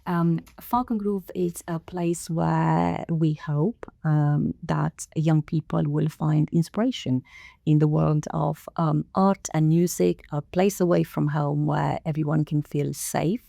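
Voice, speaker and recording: Middle-aged woman from Romania, podcast guest, gravelly fry, dry close sound, thoughtful and unhurried. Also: low-pitched, steady tone, warm tone, dry recording. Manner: measured, thoughtful, many pauses and fillers. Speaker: guest, council director. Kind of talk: podcast interview.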